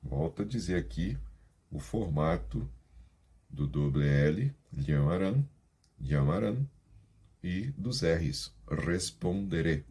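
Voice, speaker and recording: A deep-voiced man with a husky edge reads scripture aloud as a language teacher. He works through it slowly, stopping to repeat words and lean hard on each sound. His first language is Portuguese. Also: expressive, a little mellow. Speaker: Spanish teacher. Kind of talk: reading scripture aloud and explaining pronunciation.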